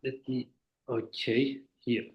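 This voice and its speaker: Speaking over a muffled Zoom connection, an Iranian visiting artist whose mother tongue is Farsi delivers a casual talk. His average-pitched voice barely moves in pitch, and he stumbles as he hunts for the right words in a language that isn't his first.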